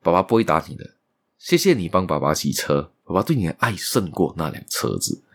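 A man voicing a tired father in a told story, speaking a little higher than his own narrating voice. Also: very animated, fairly quick, full character voice. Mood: tender. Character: tired father, fond of his new car.

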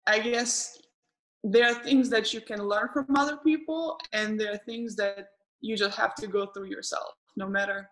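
A woman tennis player in casual conversation, talking haltingly with frequent restarts and repeated words. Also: mid-range voice, fairly even intonation, a bit bright, poor audio.

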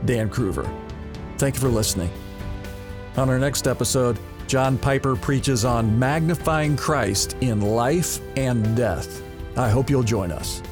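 A man hosting a podcast, reading a calm, measured scripted outro. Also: mid-range voice. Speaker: podcast host. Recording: studio voice-over with music underneath.

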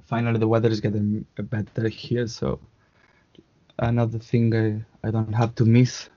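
A man's voice: fairly low pitch, monotone, mellow. Spanish man on a muffled call. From Spain. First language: Catalan. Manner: halting, restarts often, tag questions. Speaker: guest. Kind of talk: casual interview chat. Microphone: video call.

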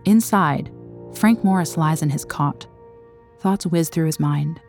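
Female documentary narrator, low register, measured dramatic read, faint score underneath. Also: a little mellow, soft background music. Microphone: studio voice-over.

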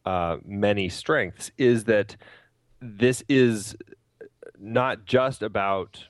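A man's voice: lowish voice, extremely slow, dry recording, clean studio sound. A middle-aged man co-hosting a podcast, reflecting on film and love in a thoughtful way. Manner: thoughtful and reflective, laughs easily. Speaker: podcast co-host. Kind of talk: casual film discussion.

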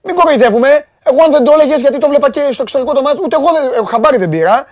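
A man hosting a casual sports talk show, animated and quick to jump in. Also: extremely high pitch, no room sound, clean studio sound. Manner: animated, interrupting, leads the segment. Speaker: host.

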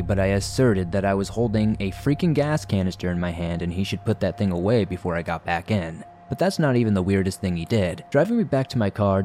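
A man narrating a scary story for a podcast in a measured, wry way. His voice is a little low and mellow, with faint music underneath. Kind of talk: scripted horror story narration.

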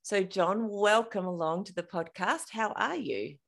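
This woman hosts a podcast interview, chatty and enthusiastic, tripping over her words and often restarting sentences as she asks questions. Her voice is gravelly and medium-pitched, and she speaks at a measured pace.

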